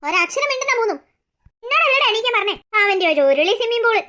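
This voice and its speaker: A voice actor playing a hot-tempered, possessive old grandmother in a cartoon story, who scolds and threatens quickly. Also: extremely high pitch, sing-song, noisy background. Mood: furious.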